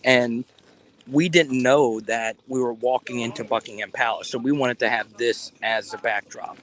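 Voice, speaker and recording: Picture a man with a bright, forceful voice livestreaming on his phone from outside in a city. He rambles through sports talk in loose, chatty fashion, breaking off for jokes and shout-outs to viewers. His pitch sits at an ordinary male middle. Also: steady tone, normal speed, low-quality recording. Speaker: sports fan channel host. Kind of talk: casual livestream chat. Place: outdoors in a city, near a palace.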